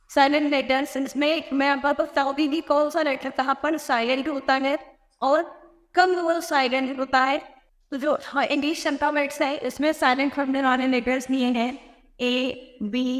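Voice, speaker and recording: A woman with an Indian accent teaching a grammar lesson, explaining slowly and repeating each point. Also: high voice, big-room sound. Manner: explains slowly, repeats phrases, mixes in English words. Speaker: English teacher. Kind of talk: classroom-style grammar lesson.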